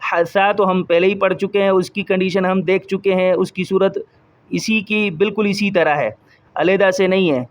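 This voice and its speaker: A man's voice: high voice, fairly even intonation. A man teaching children to read the Quran, drawing out each letter sound and repeating it for them to copy. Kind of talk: children's recitation lesson.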